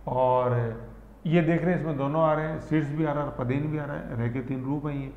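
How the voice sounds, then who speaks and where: A man's voice: on the high side, steady tone, slight background noise. Man teaching in an echoey room. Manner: conversational, checks in constantly with "thik hai"; spells out pronunciation slowly, syllable by syllable. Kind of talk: exam-prep current affairs lesson. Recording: echoey, dull lo-fi room recording.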